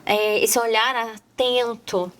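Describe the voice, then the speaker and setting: A woman from Minas Gerais with a Mineiro accent, hosting a casual conversation, chatty and quick to agree. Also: on the high side, steady tone, fairly bright tone. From Minas Gerais, Brazil. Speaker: podcast host.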